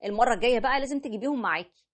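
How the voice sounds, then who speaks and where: A gentle young bride, as a woman reader puts her on speaks in a soft, polite storybook voice, a little higher than the narration. Her words come fast, with a husky edge. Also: lightly acted. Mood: gracious.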